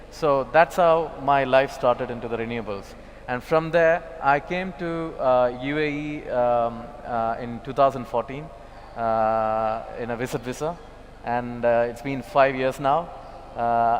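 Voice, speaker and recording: A man's voice: medium pitch, a little hiss or hum. A man from Kerala speaking as a panelist at a panel discussion, hesitant with many fillers. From Kerala, India. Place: large expo hall. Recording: hall reverb, faint ambience.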